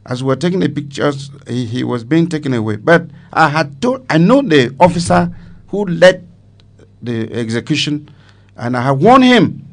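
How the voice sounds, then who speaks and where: In an interview, a retired army commander in his 70s or older recalls his memories with a Cameroonian accent. His fairly high, sing-song voice moves at normal speed, and he repeats phrases emphatically to give them weight.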